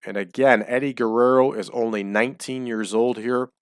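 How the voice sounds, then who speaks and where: A medium-pitched man speaks at normal speed with fairly even intonation and a clean tone, free of room sound. He's a let's-play host in a small home room, casually chatting and explaining his choices, his voice a bit off and dry from the household air.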